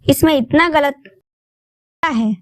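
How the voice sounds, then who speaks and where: A woman voicing a young husband who calmly defends his wife to his mother. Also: sits high, takes it slowly. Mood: firm.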